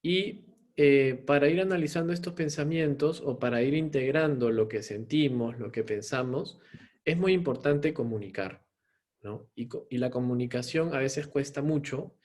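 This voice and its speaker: A man's voice: medium pitch, normal speed, a little mellow. A man speaking as a psychologist giving a lecture, explaining patiently and often ending phrases with a questioning "¿no?". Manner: explanatory, frequent tag "¿no?". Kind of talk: lecture on mental health.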